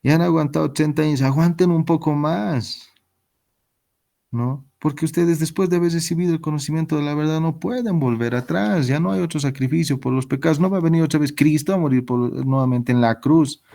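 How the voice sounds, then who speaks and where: A man's voice: on the high side, quick pace, creaky, hardly any pauses, dark tone. Male Bible teacher. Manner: acts out quoted voices, asks rhetorical questions.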